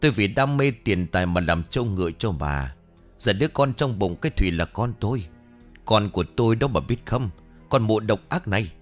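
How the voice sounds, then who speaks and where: A male narrator voicing a hot-tempered young kept man who shouts angrily. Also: lowish voice, expressive, fairly quick, soft background music, close to an everyday voice. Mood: furious.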